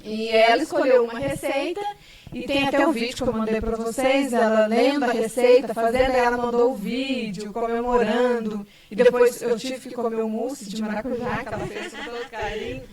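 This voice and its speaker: A woman's voice: on the high side, fairly even intonation, moderate pace, darkish tone. Echoey, distant teacher woman. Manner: storytelling, many fillers. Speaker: special education teacher. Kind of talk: panel talk show answer. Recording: echoey room, far from mic.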